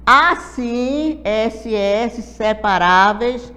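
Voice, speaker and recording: A woman's voice: a little high, animated, drawn-out words, sharp tone, big-room sound. A woman from Brazil teaching an adult literacy lesson, explaining step by step and checking in with questions.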